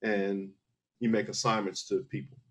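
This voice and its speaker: A middle-aged army veteran from Philadelphia, USA, speaks as a guest in a casual interview, his fairly low voice flat and a bit bright at a normal speed. He talks earnestly, explaining things step by step and restarting often.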